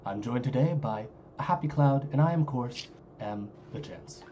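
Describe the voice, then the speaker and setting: A man's voice: mid-range voice, lively intonation, normal speed, dark tone. Man, voice muffled as if through a tube, casual esports caster, joking banter, lo-fi mic, faint hiss. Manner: joking, self-deprecating banter. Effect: muffled mic that sounds like talking through a tube. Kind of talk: casual live-stream commentary.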